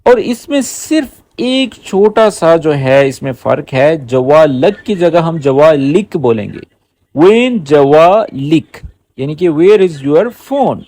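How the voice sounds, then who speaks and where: High, lively man teaching spoken Arabic. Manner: explains slowly, repeats phrases word by word. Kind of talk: language lesson.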